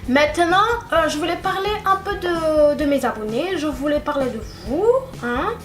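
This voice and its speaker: High-voiced woman chatting to her subscribers. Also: moderate pace, faint music behind. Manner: repetitive, keeps stressing "vraiment"; talks straight to the viewer. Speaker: YouTube vlogger. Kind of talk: casual chat to subscribers. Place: bedroom at home, at night. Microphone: camera-mounted shotgun mic.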